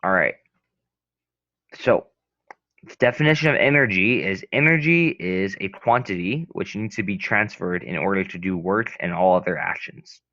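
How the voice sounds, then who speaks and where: Young male student tutor, low-pitched, hesitant and rambling, dry lo-fi recording. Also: normal speed, bright, forceful tone, no room sound. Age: young adult. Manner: hesitant, rambling, many restarts and fillers. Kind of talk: casual lesson. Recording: dull, lo-fi sound.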